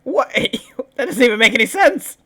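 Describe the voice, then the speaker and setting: A man's voice: very high-pitched, big pitch swings, normal speed, sharp tone. A man playing a character in a tabletop game, joking around and laughing often. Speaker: player.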